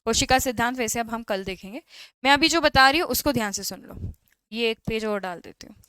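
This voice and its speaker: A woman teaching an online class, explaining in Hindi, reading English questions slowly and answering students' chat questions by name. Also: fairly high pitch, pushed and bright, smooth, no room sound. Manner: mixes Hindi explanation with slow English read-aloud questions.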